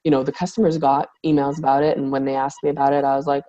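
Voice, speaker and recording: A woman's voice: extremely low pitch, little pitch movement, fast, warm tone, highs cut off. A woman losing her voice, leading a casual team call in a rambling way, full of fillers, with big jumps when she acts out quotes. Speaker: team leader of fitness coaches.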